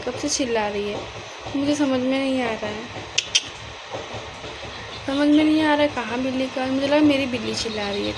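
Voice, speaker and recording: A woman's voice: a little high, noisy background. A young woman chatting casually in a home vlog, repeating herself as she talks about a kitten she found. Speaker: vlogger. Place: at home, near a railway line.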